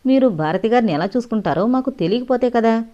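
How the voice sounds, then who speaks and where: A woman voicing a calm, reasonable man who speaks in a soothing way, in an audio novel. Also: a little high, fast talker, voice pushed up, lightly acted. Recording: dull lo-fi audio.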